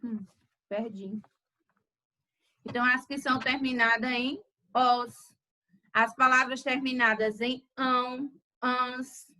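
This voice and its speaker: A woman teacher, slowly dictating words in a grammar lesson. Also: sits high, steady tone, bright, forceful tone, poor audio. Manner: slow, deliberate word-by-word dictation.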